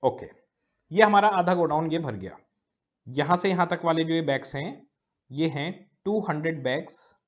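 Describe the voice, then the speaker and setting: Lo-fi recording of a slow-explaining male teacher. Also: a little high. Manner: explains slowly, repeats key words, checks understanding. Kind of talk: recorded classroom lecture. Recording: dull lo-fi lecture recording.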